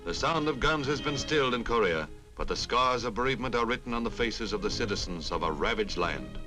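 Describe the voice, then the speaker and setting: Man, old newsreel narrator, dramatic declamatory delivery, lively rising and falling voice, music underneath. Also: mid-range voice, a little fast, rough recording. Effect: old newsreel sound. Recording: old newsreel film soundtrack with music bed.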